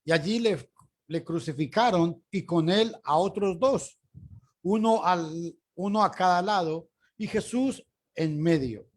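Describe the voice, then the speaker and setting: A man with a high voice reads scripture aloud at an unhurried, deliberate pace. He teaches the Bible and raises his tone whenever he reaches a quoted line. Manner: measured reading, lifts his voice for quoted speech.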